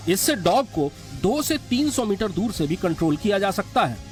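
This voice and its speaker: A man narrates a documentary from a script. His voice sits somewhat high for a man, with soft music playing behind him. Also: big pitch swings, normal speed.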